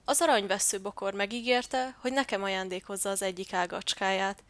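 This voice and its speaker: A kind, cheerful dove, as a woman reader puts him on, speaking warmly and a bit loud. The sound is dry and close. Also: medium pitch, little pitch movement, no echo, lightly acted.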